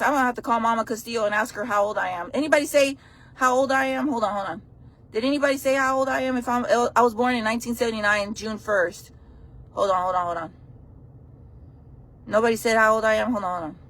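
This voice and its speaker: A woman's voice: fairly high pitch, fast, fairly bright tone. A woman in her forties hosting a casual livestream chat, talking bluntly and playfully while she reacts to her chat. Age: 40s. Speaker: livestream host.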